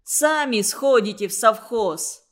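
A woman's voice: on the high side, lively intonation, slow. A woman voicing a confident, bossy young boy who speaks assertively.

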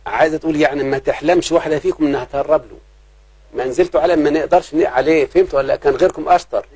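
A man's voice: fairly high pitch, racing, darkish tone, slightly rough, poor audio. A man with an Egyptian Arabic accent explaining grammar to his pupils, checking again and again whether they have understood. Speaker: grammar teacher.

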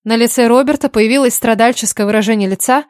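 A woman's voice: a little high, fast, no echo. Woman narrating an audiobook, dry close sound. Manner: expressive, indignant in dialogue. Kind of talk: first-person audiobook narration.

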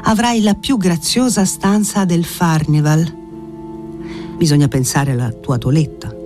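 A man's voice: fairly high pitch, unhurried, a little mellow, faint music behind, close to an everyday voice. A man doing a fussy, kindly old guardian. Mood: fussing. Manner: fussy, gallant, dry humour. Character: awkward kindly older male guardian, gentle.

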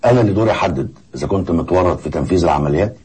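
An actor playing a stern male interrogator with an Egyptian accent, quietly threatening. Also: sits low, rapid-fire, husky. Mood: menacing. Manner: cold, threatening. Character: stern male security interrogator, menacing, controlled.

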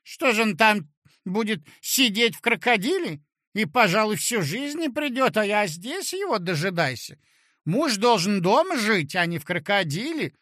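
A shrill, scatterbrained young wife who whines, pouts and keeps exclaiming, as a male audiobook reader puts her on. Her voice is high and sharp, read dry and close with no room around it. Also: big pitch swings, normal speed, dry recording, exaggerated voice. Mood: petulant. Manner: petulant, whiny, exclaiming. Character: flighty capricious young married woman. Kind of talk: audiobook character voice.

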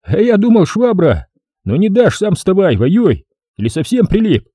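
Man doing a cocky riot cop, gruff, crude, teasing, raised voice. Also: high voice, huge pitch swings, moderate pace, warm tone, no room sound, clean studio sound, pitched above the performer's own voice, exaggerated voice. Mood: mocking. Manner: gruff, mocking, swearing. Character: rough, cocky male riot-police fighter.

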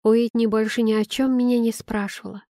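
A woman reading a first-person novel aloud in a calm, measured, emotional way. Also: fairly high pitch, no echo, studio quality. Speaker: audiobook narrator. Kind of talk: first-person audiobook narration.

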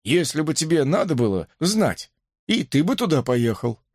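A man's voice: fairly high pitch, big pitch swings, moderate pace, breathy edge, dry recording, clean studio sound. A man doing a sullen, mumbling ranch hand. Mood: curt.

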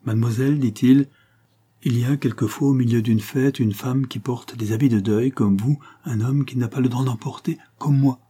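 A man's voice: medium pitch, fairly even intonation, normal speed, slightly rough. A man reading as a mournful exiled convict. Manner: grave, gentle, mournful. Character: melancholy exiled male convict, about thirty.

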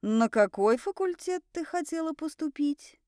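A woman's voice: high-pitched, lively intonation, unhurried, a little mellow, dry recording, clean studio sound, voice pushed up. A woman reading an audiobook voices a cocky young man who drawls his lines with irony. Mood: amused. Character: young handsome man, smug and teasing.

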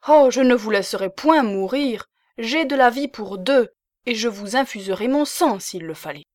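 A woman's voice: mid-range voice, lively intonation, unhurried, lightly acted. Woman voicing fierce bossy old spinster. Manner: vehement, scolding, bossy. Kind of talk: audiobook character reading.

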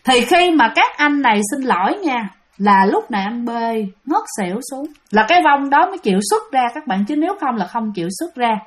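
A woman narrates a spooky tale in a high voice. She talks in a casual, chatty way, leans into the storytelling, and turns to her listeners often. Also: big pitch swings, fairly quick, hardly any pauses. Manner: chatty, addresses listeners directly. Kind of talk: spoken ghost-story narration.

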